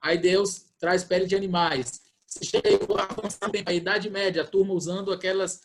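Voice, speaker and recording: A pastor with a Brazilian Portuguese accent explains scripture in an online Bible study, acting out people's questions in quoted voices. His voice sits high with fairly even intonation and a brisk delivery, over a little hiss or hum.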